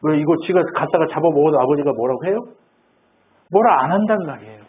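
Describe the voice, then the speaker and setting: Male pastor, highish voice, animated preaching, acts out quotes, thin phone-like sound. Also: quick pace. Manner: acts out quoted Bible characters, rising to fervent exhortation. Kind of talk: sermon. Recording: tinny phone-like audio.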